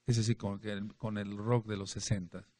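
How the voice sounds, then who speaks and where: A man's voice: lowish voice, flat delivery, moderate pace, dark tone. A man preaching a Bible study to a congregation, emphatic, repeating key words and speaking to his listeners directly. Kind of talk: sermon-style Bible teaching.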